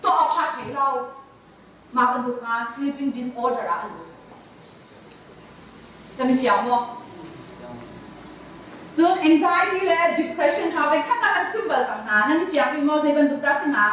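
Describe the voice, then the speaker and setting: Female conference lecturer, high voice, questions the audience, distant and echoey hall sound. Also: fairly bright tone, slight background noise. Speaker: conference speaker. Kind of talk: lecture on counseling.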